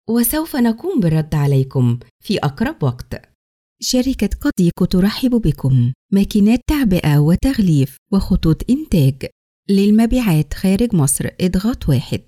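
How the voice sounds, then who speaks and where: A woman's voice: on the low side, big pitch swings, fairly quick, dark tone, dry recording, studio quality. A woman with an Egyptian accent reading recorded phone menu prompts in a polite, formal customer service voice. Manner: polite, formal scripted delivery.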